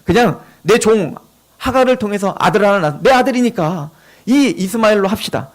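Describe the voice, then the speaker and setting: A man's voice: sits high, expressive, normal speed. A man voicing Abraham as a doubting, pleading old man in a sermon retelling. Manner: pleading, bargaining.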